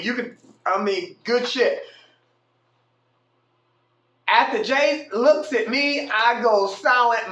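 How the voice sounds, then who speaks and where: A man telling a casual story about his own night out, animated and slangy, swearing freely. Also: high-pitched. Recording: echoey room.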